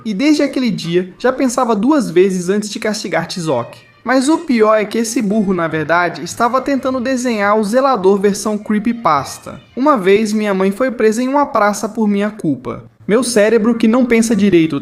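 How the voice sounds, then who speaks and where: A man narrating funny scripted stories in the first person, mock-dramatic and lively. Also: sits high. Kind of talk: scripted comic storytelling.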